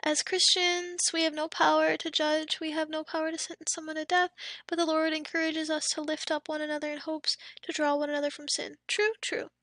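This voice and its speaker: A young woman streamer chats loosely with her viewers and reads out their messages, her bright, high-pitched voice sometimes trailing into breathy, whispery asides. She's been losing her voice for days, so her throat sounds a bit worn. Her tone stays level and her pace fairly quick, and the sound is close and dry with no room around it.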